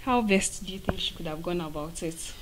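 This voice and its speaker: A woman's voice: on the low side, fairly quick, noisy background. A young woman in her twenties with a Ghanaian accent, asking interview questions into a handheld microphone. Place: indoors on a sofa by shelves of mugs.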